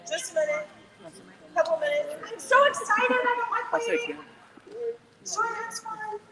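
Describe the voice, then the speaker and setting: A woman leading a children's story time, chanting rhymes and drawing the kids in with a sing-song, animated way of talking. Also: very high voice, normal speed. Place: large expo venue. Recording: echoey room from far off with noise.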